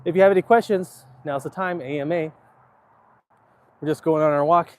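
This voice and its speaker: A middle-aged American man speaks at a normal speed in a fairly high voice. He's live streaming while walking city streets, chatting casually and easygoing and answering viewers' comments, with outdoor ambient noise around him.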